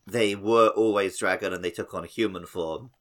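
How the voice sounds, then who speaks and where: Deep-voiced yet fairly bright, this man co-hosts a casual podcast on mythology and games, explaining things in a rambling way. His intonation is fairly even and his pace moderate.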